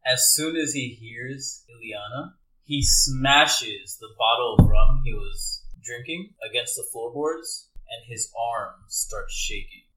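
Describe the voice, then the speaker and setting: A man's voice: medium pitch, takes it slowly, few pauses, bright, forceful tone, roomy sound, poor audio. A man narrating his character's actions as a player in a tabletop game, casual and playful.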